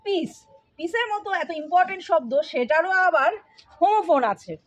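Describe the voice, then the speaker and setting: A woman teaches in a relaxed, familiar way and keeps stopping to check that her learners follow. Her voice sits very high. The recording is close and dry, with no room sound. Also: a little fast, no echo. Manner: familiar, addresses learners directly with frequent checks. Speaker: spoken English teacher. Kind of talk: casual explanatory lesson.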